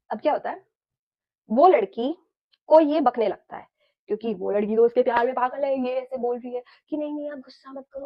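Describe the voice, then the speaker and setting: A young woman from India, telling a storytime vlog casually and with animation, mixing Hindi and English and swearing freely. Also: sits high. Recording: slightly dull lo-fi audio.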